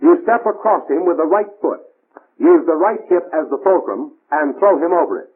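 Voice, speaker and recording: Narrating a 1940s military training film, this man delivers scripted, clipped orders at normal speed. His voice is a little high, husky and expressive, and the soundtrack is tinny and band-limited, as 1940s film audio was.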